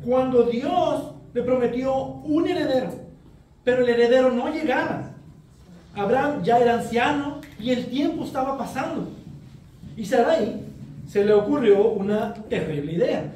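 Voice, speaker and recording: High-voiced preacher in an echoey hall. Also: male voice, lively intonation, dark tone, far from the mic, slight background noise. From Mexico. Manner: expository preaching, measured and earnest. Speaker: pastor. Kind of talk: sermon.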